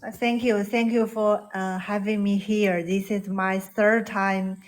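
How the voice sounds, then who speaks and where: A woman from China, speaking English with a Chinese accent, calls into a live English voice room for a casual chat. Her medium-pitched voice is fairly flat and a little slow, and she hesitates a lot, with many fillers and restarts.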